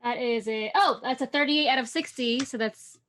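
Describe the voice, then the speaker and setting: A woman's voice: a little high, moderate pace, a bit bright, slight background noise. A woman playing a tabletop horror game, wry and mock-dismayed about her character's fate. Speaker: player. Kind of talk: casual tabletop play.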